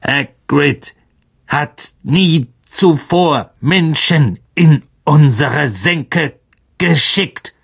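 A man voicing an ancient, blind, irritable male giant spider in a storybook reading, drawing his words out slowly. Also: on the high side, gravelly, a bit bright, slightly rough, pitched above the performer's own voice, heavily acted. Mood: wary. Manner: drawn-out, slow, raised voice.

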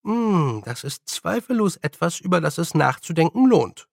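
A man reading an audiobook voices a clever young witch girl who reasons calmly. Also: a little high, moderate pace, gravelly, no echo, studio quality, voice pushed up, heavily acted. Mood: matter-of-fact.

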